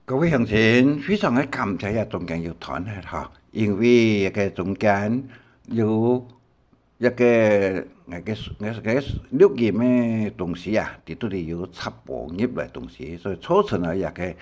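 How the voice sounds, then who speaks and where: An older man from Taiwan teaching a Hakka language lesson, explaining slowly with many fillers and repeated words. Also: fairly low pitch, expressive, darkish tone. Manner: slow, rambling explanations with many fillers and repetitions.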